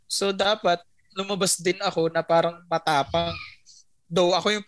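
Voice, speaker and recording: A man's voice: high voice, normal speed, no echo. A man, a podcast guest telling stories in casual chat and laughing often. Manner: laughs often, animated storytelling.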